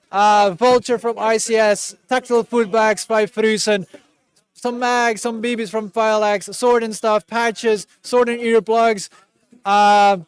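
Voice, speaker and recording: A man hosting a live-streamed award ceremony, yelling excitedly as he announces winners and prizes and losing his voice. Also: high-pitched, smooth. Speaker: event host announcing prizes.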